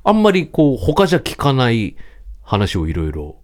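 A man co-hosting a podcast in relaxed casual chat, telling stories with sudden jumps of excitement. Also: normal speed. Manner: relaxed, chatty, animated storytelling with sudden rises in pitch. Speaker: podcast co-host.

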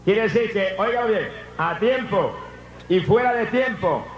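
Revival preacher, male, high-pitched, fervent, praise outbursts; dull lo-fi church recording. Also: expressive, a little slow, roomy sound. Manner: fervent, bursts of loud praise exclamations. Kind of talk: revival sermon. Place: church hall.

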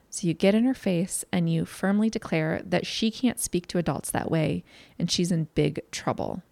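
Gravelly-voiced woman giving parenting advice. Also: fairly low pitch, a little mellow, no room sound. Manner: earnest, conversational, candid. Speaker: parenting educator. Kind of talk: talk to parents.

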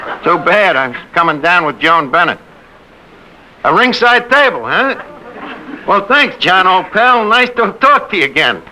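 An actor playing a scheming, sardonic New York tavern manager in an old-time radio comedy, a smooth-talking man full of big talk. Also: high voice, sing-song, unhurried. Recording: noisy vintage radio recording.

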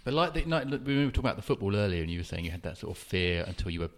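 A man's voice: low-pitched, sing-song, very fast. A man asking informal, inquisitive questions as an interviewer in a casual chat.

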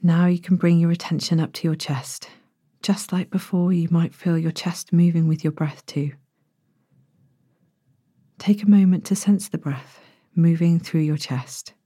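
A woman speaks as a sleep story narrator, leading a bedtime relaxation. Her voice is lowish and very mellow, with a soft, breathy edge that slips toward a whisper. She gives each instruction gently and without hurry. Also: steady tone, no echo, clean studio sound. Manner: gentle, soothing, unhurried instructions. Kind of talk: guided bedtime body-scan meditation, sleep story narrator delivery.

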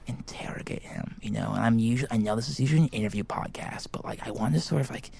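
This is a man acting as an eager, awkward teenage podcast host for his school, whispering into a handheld mic in a library in a scripted comedy. His mid-range voice is fast, creaky, husky and a little mellow, and he rambles with many fillers, hushed yet excited.

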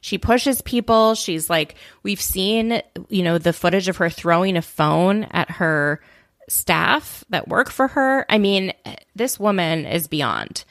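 Female podcast co-host, low register, close dry mic, animated and blunt. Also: slow, no echo. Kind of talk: casual recap chat.

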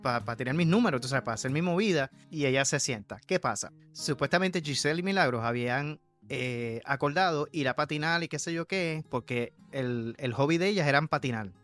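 A man in his fifties with a Puerto Rican accent, co-hosting a podcast and telling stories in a loose, animated way, laughing often and slipping English words into his Spanish. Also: fairly high pitch, fairly quick, faint music behind. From Puerto Rico. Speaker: podcast co-host. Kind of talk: casual storytelling chat.

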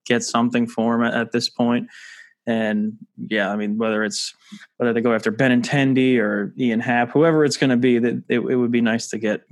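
Man chatting baseball on a podcast. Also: medium pitch. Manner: relaxed, chatty, frequent restarts. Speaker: podcast co-host. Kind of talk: casual sports podcast chat.

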